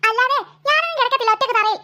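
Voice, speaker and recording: A bickering little cartoon girl whines to her mother about her sister, as a woman puts her on. Her voice is squeaky and very high, bright and quick. She keeps pleading for her way. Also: heavily acted. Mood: whiny. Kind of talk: cartoon voice acting.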